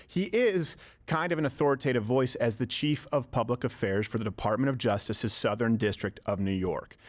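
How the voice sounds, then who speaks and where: A man delivers scripted commentary in an everyday mid-range voice. He argues his point persuasively and throws rhetorical questions at the listener. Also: medium pitch.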